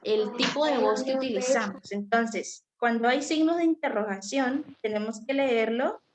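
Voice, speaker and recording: A woman's voice: a little high, normal speed, a little hiss or hum. A woman teacher leading a class, patiently asking questions and sometimes searching for the right words. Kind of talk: online class lesson.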